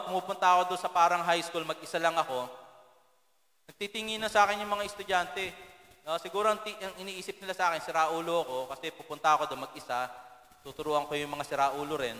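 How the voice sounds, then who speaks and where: Bright high-voiced Filipino preacher in echoey hall. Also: male voice. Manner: conversational, often asks the congregation rhetorical questions. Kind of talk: Filipino church sermon. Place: church sanctuary.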